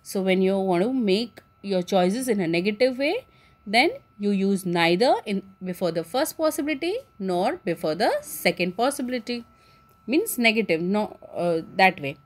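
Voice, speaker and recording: A woman's voice: medium pitch, expressive, moderate pace. A woman teacher with an Indian English accent explaining a grammar lesson step by step, often asking and answering her own questions.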